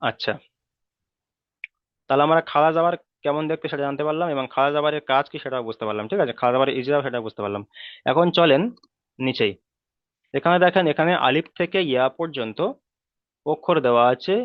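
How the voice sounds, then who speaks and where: A man teaching Quran reading in an online class, patiently repeating the rules and sounding out letters slowly. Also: mid-range voice, no echo. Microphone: video call. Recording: tinny phone-like online call audio.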